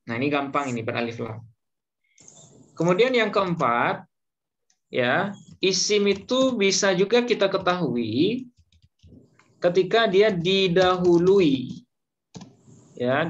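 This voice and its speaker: Male Arabic grammar teacher, very slow and patient, slightly raised pitch, dull lo-fi recording. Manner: patient, repeats points and lets students finish his words. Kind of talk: slow classroom lesson. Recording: dull lo-fi recording, faint noise.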